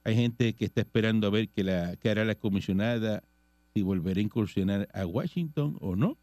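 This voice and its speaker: Speaking in Puerto Rican Spanish, this radio host reads out political news items and chats about them in a relaxed talk-show style. His pitch sits on the low side, his tone is darkish, and his pace is fairly quick. There's no echo on the sound.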